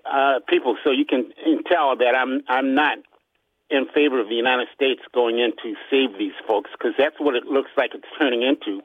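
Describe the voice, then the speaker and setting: A radio show caller, a man heard through a thin, tinny phone line with no room sound around him. His voice sits at an ordinary middle pitch. He speaks in halting bursts, restarting and repeating words as he goes. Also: steady tone, husky, no room sound. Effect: caller heard over a phone line. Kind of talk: calling in to a talk radio show.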